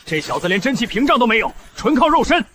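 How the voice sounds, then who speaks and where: A man voicing a hurried, tense spectator. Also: very high-pitched, big pitch swings, a bit bright, slight background noise, full character voice.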